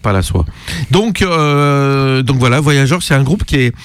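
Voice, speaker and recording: A man's voice: medium pitch, expressive, measured pace. A man hosting a radio music show, chatting casually with many hesitations.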